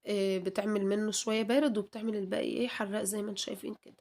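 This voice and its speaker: A woman with an Egyptian accent, hoarse from a cold, chatting to viewers in a home kitchen cooking vlog and adding long prayers. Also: medium pitch, fairly even intonation, very fast, darkish tone. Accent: Egyptian Arabic.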